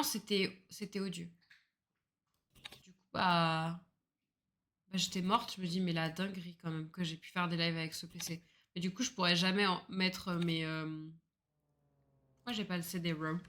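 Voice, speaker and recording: On a casual gaming livestream, a woman chats in a rambling, self-mocking way, laughing often and swearing freely. Her voice sits on the low side and sounds pushed and bright.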